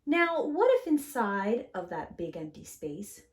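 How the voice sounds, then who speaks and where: A preschool storyteller, female, reads a picture book aloud theatrically for small children, stretching out key words. Her pitch is highly animated, and her pace is measured.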